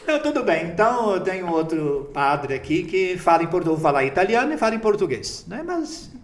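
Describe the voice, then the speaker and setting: A priest in his fifties, called Bishop, recounts a personal story during an interview, relaxed, chatty and brisk, often breaking into laughter. His voice sits a little high for a man, and the room he's recorded in gives it an echo.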